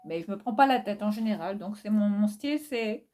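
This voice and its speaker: A woman's voice: medium pitch, lively intonation, fast, mellow. Woman, Réunionese accent, casual vlog Q&A, frank, chatty, teasing, laughs often. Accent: Réunionese French. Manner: chatty, frank and teasing, reads questions aloud then answers with laughs. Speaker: YouTuber answering viewer questions.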